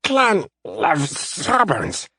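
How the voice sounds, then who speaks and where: A man voicing a small, scheming male kobold who speaks in broken phrases and calls himself by name, in a raspy voice. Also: high-pitched, wildly swooping pitch, extremely slow, bright, forceful tone, dry recording, clean studio sound, voice pushed up, full character voice. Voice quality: raspy, gravelly. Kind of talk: audiobook character voice.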